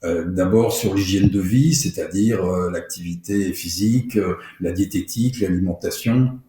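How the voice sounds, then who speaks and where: A man's voice: low voice, normal speed, dark tone, very echoey. A man from France, a doctor, explaining his work in an interview, with many fillers and restarts. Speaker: doctor, podcast guest.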